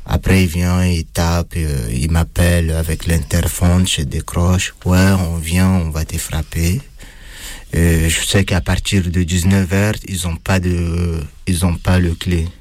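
A man with a foreign accent answering interview questions in a hesitant, halting way, pausing often and filling gaps with hesitation sounds. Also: low voice, level tone, a little mellow. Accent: foreign accent in French. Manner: hesitant, halting, many pauses and fillers. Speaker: interviewee recounting time in prison. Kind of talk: casual spoken testimony.

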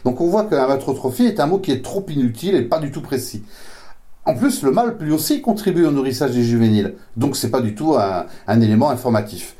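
A man's voice: medium pitch, animated, fast, dark tone. A man giving an informal, didactic science explanation as a biology expert, often repeating words as he searches for the next. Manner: didactic, with frequent self-repetitions and searching for words.

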